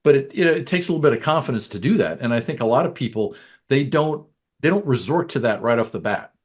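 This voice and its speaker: A man co-hosting a business podcast who explains his views in a thoughtful, measured way. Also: medium pitch, lively intonation, breathy edge. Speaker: podcast co-host, business coach. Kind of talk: casual podcast chat.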